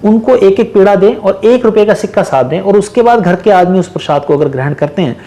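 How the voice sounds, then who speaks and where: Sitting high and sounding animated, this man's warm voice moves fairly quickly over poor audio. As a programme guest who reads palms and practises astrology, he explains and advises emphatically in a studio interview, slipping English phrases in.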